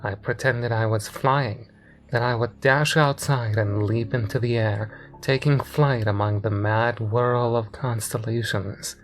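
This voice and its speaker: A man tells a first-person horror story in an even, measured narration. His voice sits in a middle register, with faint music playing behind him. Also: medium pitch. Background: faint background music.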